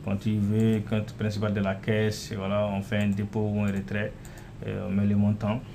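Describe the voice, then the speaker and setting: A man giving a casual screen-recorded walkthrough of his clinic software, often saying "voilà" and "euh" as he clicks. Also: lowish voice, monotone, normal speed, vocal fry, slight background noise. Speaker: software developer demonstrating his app.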